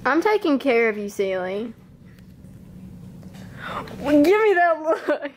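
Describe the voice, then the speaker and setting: A young woman with a fairly high voice chats casually. She coaxes and humors with short questions, on a slightly noisy home video in a living room. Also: very animated, takes it slowly. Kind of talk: casual chat.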